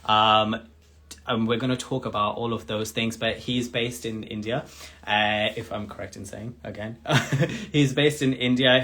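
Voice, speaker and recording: A man's voice: mid-range voice, fairly bright tone. A man hosting a casual live-stream interview, chatty and effusive, repeating his welcomes. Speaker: host.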